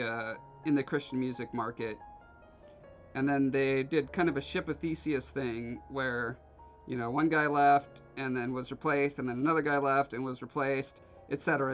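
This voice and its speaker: While carving on his livestream, a host from Alaska rambles and trades jokes with his viewers in the chat. He speaks in a mid-range, slightly bright voice, and the audio's highs are cut off.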